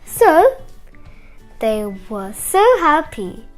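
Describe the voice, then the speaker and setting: The host of a children's story show, a woman with a lively, high-pitched voice, narrates slowly against background music. Her intonation rises and falls dramatically as she talks straight to the kids in an animated, chatty way, putting questions to them.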